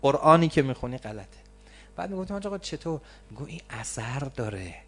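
A man preaching a religious sermon, swinging between loud stressed phrases and low, slowly drawn-out words. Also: sing-song, faint music behind. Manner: stretches key words slowly for emphasis.

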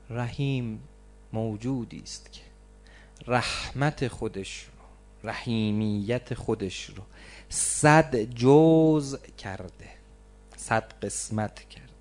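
A man preaching a religious sermon, swinging between loud stressed phrases and low, slowly drawn-out words. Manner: stretches key words slowly for emphasis.

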